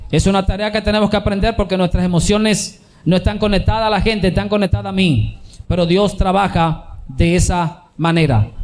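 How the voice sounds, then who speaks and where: Male pastor, fairly high voice, emphatic repetitive sermon delivery with rhetorical questions. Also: darkish tone.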